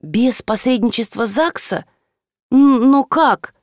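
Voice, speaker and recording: A woman's voice: high-pitched, lively intonation, normal speed, mellow, slightly rough, no echo, clean studio sound, voice pushed up. A woman reading the part of an emotional young bride with a whiny, pleading way of talking. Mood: puzzled.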